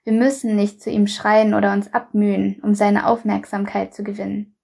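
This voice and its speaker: A woman reading a Bible passage aloud and then commenting on it in a measured, scripted devotional. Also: mid-range voice, completely flat delivery, gravelly, darkish tone, breathy edge. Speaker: Bible reader and devotional speaker.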